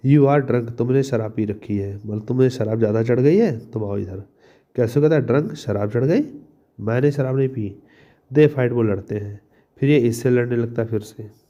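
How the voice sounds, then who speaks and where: A male teacher explaining a play line by line, reading each English line slowly and then explaining it in Hindi. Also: medium pitch, warm tone, highs cut off.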